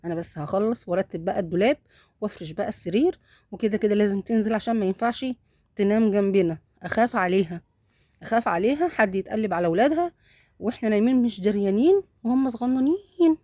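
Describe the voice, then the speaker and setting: A woman's voice: mid-range voice, quick pace, no room sound, clean studio sound. A woman with an Egyptian accent filming her cat at home on her phone and talking fondly to viewers in a casual vlog. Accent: Egyptian Arabic. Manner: talks softly and fondly to the cat and kittens. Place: home bedroom.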